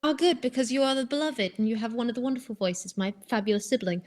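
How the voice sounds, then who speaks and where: A woman's voice: a little high, lively intonation, fast talker, a little mellow. A woman chatting casually as a player in a tabletop roleplaying game.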